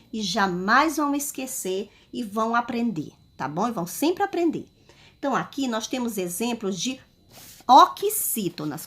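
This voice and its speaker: A woman teacher with a Brazilian Portuguese accent talks to young pupils at home. Her voice sits fairly high and swoops up and down a great deal. She stretches out and calls out the key words in a sing-song way. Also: fairly bright tone. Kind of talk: recorded class for children at home.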